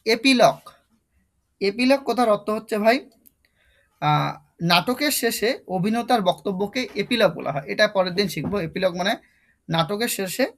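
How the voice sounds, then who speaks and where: A high-pitched man with a Bengali accent teaching an online English lesson. He repeats each key term several times and keeps quizzing his students. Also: fairly bright tone. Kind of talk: online exam-prep lesson.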